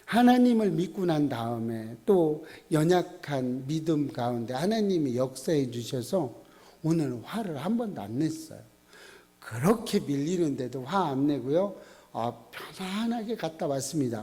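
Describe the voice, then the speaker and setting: A man's voice: a little high, warm tone. A middle-aged man, a pastor, preaching at a Friday prayer meeting in a folksy way with joking asides.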